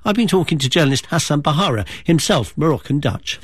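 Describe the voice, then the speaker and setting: A man presenting radio news and interviewing a guest, measured, clear and conversational. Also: a little high, very animated, dry recording, clean studio sound.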